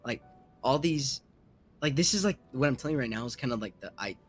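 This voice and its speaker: A man's voice: medium pitch, expressive, a little fast, faint music behind. A man guest chatting casually about voice acting, rambling with many fillers. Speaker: guest, aspiring voice actor. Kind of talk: casual interview chat.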